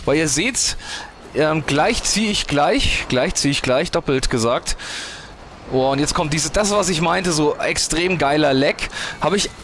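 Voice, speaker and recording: A man's voice: fairly high pitch, animated, unhurried, fairly bright tone, slight background noise. Crude, ranting German gamer man. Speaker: gaming YouTuber. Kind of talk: gameplay commentary.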